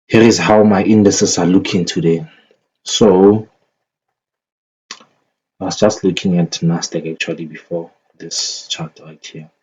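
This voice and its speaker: A man with a low, mellow, slightly rough voice offers casual, unscripted commentary as a market analyst. He thinks aloud and often repeats phrases as he goes. The recording has a dull, lo-fi microphone sound.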